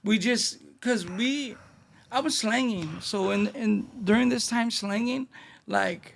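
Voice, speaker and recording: A man's voice: sits high, slow pace, creaky, slight background noise. A man with a Los Angeles Chicano accent telling street stories in a casual, slangy interview, acting out what people said. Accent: Los Angeles Chicano English. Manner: slangy street storytelling, acts out quotes. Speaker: guest.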